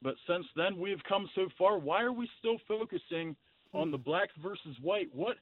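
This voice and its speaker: A man, calling in to a talk show, speaking in a halting, plain-spoken way. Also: sits high, animated, dry recording. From Ohio, United States. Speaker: phone-in caller. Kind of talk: casual call-in debate. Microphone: telephone. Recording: tinny narrow phone line.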